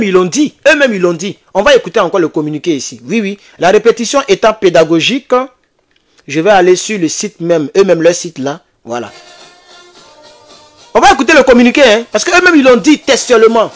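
Faint music plays behind this man from Ivory Coast, whose high-pitched voice moves at a fairly quick clip. In his thirties and working as an activist host, he speaks urgently and with animation to online followers, repeating himself for emphasis, recorded on a close desk mic in a small home studio.

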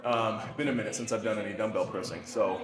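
A man's voice: lowish voice, fairly even intonation, fast, reverberant, music in the background. A man chatting casually in a gym between lifting sets, a bit winded, coaching and laughing easily. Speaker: host.

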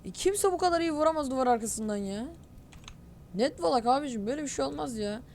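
A woman's voice: sits high, expressive, quick pace, darkish tone, slight background noise. Exasperated woman ranting over gameplay. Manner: exasperated, ranting, accusing cheaters; talks to viewers directly. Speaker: gamer, channel host. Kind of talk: live gameplay commentary.

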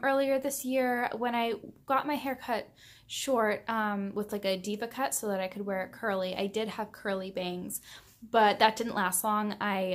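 A young woman in her twenties chatting casually to a close handheld camera, first from a parked car at night, then at home, with lots of ums and likes. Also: mid-range voice. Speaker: beauty vlogger. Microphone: phone or camera held close.

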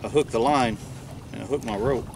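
A middle-aged man speaks at medium pitch and moderate pace, giving running, matter-of-fact commentary while magnet fishing off a lake dock. The camera mic sits a few feet away, and loud wind and water noise fill the recording.

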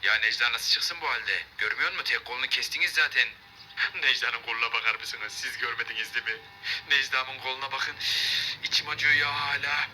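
A man hosting a game video, commentating and role-playing in an animated, joking way. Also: medium pitch, brisk, a little hiss or hum, rough recording. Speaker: gaming video host.

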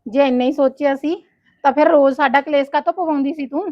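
A woman's voice: high voice, steady tone, fast, muffled recording, lightly acted. A woman with a Punjabi accent playing a jealous, nagging village wife who scolds her husband and his sister. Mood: scolding. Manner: scolding and sharp. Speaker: quarrelsome wife and sister-in-law. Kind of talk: comic family drama acting.

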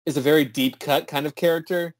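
A man with a fairly high voice co-hosts a casual conversation and talks in an animated way, laughing as he goes. The sound is dry and close, with no room echo. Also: a little fast. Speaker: co-host. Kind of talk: casual chat.

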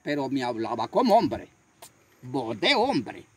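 An older man, a street preacher, telling his story in a husky voice with fervent repetition and acted-out voices. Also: mid-range voice, sing-song, takes it slowly, a little mellow. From Honduras. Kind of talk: storytelling interview.

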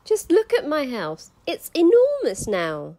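A woman doing a fretful, squeaky little old lady. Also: wildly swooping pitch, slow, darkish tone, slight background noise, exaggerated voice. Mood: delighted. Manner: exclaiming, pleading, rising to high squeals. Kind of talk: storybook reading.

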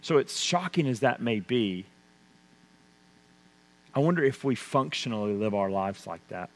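A man preaching a sermon, swinging between loud emphasis and hushed intensity. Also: mid-range voice, expressive, unhurried. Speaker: pastor. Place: church sanctuary. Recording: long church reverb.

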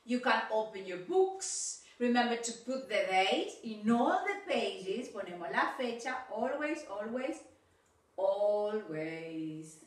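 A woman's voice: a little high, big pitch swings, takes it slowly, few pauses, echoey room, distant mic. A woman with a Rioplatense Spanish accent, teaching English to children in a video lesson. She is patient and encouraging, and mixes Spanish and English.

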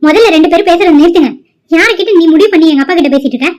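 A woman's voice: high-pitched, steady tone, fairly quick, dark tone, lightly acted. A woman voicing an upset young cartoon girl. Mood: protesting. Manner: pleading and protesting. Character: upset young female college student. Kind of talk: cartoon voice acting. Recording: dull lo-fi audio.

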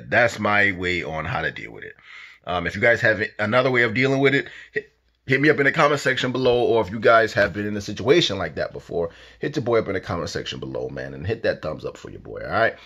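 A man's voice: fairly low pitch, big pitch swings, fast, pushed and bright. A man casually giving life tips to his viewers, talking straight to them in a slangy, direct way. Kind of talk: casual talk to camera.

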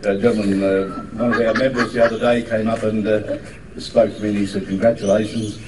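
A man's voice: on the low side, level tone, fairly quick. A man chatting cheerfully and ramblingly outdoors at an event. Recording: distant outdoor mic with noise.

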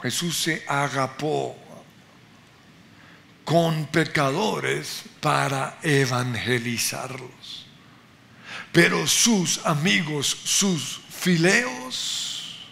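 A man pastor preaching a sermon with emphatic, dramatic pauses and rising exclamations. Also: a little high, gravelly, pushed and bright. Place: church.

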